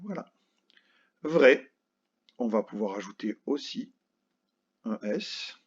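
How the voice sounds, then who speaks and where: Husky man teaching children patiently. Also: fairly low pitch, very animated, highs cut off. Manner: slow, patient, spells words out letter by letter. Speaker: primary school teacher. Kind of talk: recorded grammar lesson for children.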